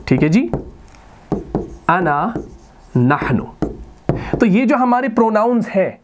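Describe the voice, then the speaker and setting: A man teaching Arabic grammar at a board, asking his own questions and repeating key words slowly for his students. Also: high voice, a little mellow. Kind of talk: recorded classroom lesson at a board.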